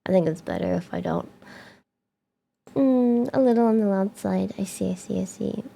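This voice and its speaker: A young woman streams live, chatting casually and excitably with her viewers, laughing often and swearing freely. Her voice is medium-pitched and gravelly, at normal speed.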